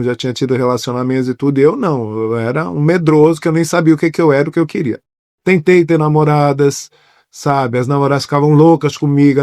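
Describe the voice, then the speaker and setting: A man with a fairly high voice shares a personal story on a podcast. He speaks emotionally and acts out the lines of the people in his memories. The sound is dry and close, from a studio mic. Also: dry recording. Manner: emotional, animated retelling with acted-out dialogue. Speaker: podcast host.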